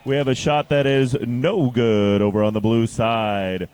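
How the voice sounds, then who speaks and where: A man's voice: mid-range voice, steady tone, a little mellow, clean tone, no echo. Male, game announcer, fighting game style, emphatic calls, live play-by-play, mid-range voice. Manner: drawn-out, emphatic team-name calls. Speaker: robotics competition game announcer.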